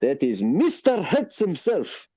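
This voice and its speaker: A man voicing a stern older male bagel shop owner, gruff and clipped. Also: a little high, wildly swooping pitch, takes it slowly, warm tone, dry recording, pitched above the performer's own voice, exaggerated voice.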